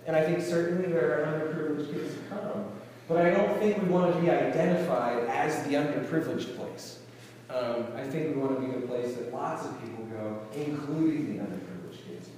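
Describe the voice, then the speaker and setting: A man's voice: fairly high pitch, a little fast, a little mellow. A middle-aged man, a camp director, gives a speech to an audience, hesitant, with many fillers and restarts, recorded from a distance in a large hall. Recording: roomy hall, distant mic, faint ambience.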